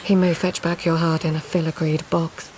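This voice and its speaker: A woman's voice: deep voice, flat delivery, normal speed, background noise, close to an everyday voice. An actress playing a weary, fearful court lady in a radio drama, brooding and slipping into whispers. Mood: frantic. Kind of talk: radio drama acting, intimate inner monologue and dialogue.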